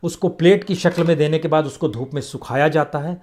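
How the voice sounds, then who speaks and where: Middle-aged male news commentator, fairly high voice, emphatic, hammering home lists in a steady rhythm. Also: fairly quick. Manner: emphatic, listing states in repeated rhythmic phrases.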